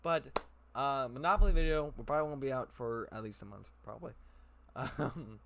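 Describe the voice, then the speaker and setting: A man's voice: mid-range voice, brisk, fairly bright tone. A young man telling a story in a casual vlog from his room. He rambles, laughs often and fills his talk with fillers and restarts. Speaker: YouTuber. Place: his own room indoors.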